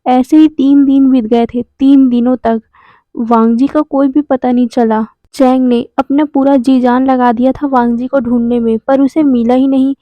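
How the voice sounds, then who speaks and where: High-voiced woman narrating a story casually. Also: little pitch movement, normal speed, no room sound, highs cut off. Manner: conversational, adds fillers like "ना" and "मतलब".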